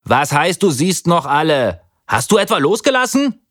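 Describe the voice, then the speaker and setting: A man voicing an anxious schoolgirl who asks shrill, alarmed questions, in a children's story reading. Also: big pitch swings, normal speed, fairly bright tone, no echo, clean studio sound. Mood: suspicious.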